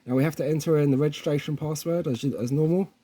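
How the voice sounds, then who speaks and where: Quick-paced and warm, with a voice on the high side, the man hosts a casual hands-on tech installation tutorial, speaking informally and regularly checking in with whoever is watching.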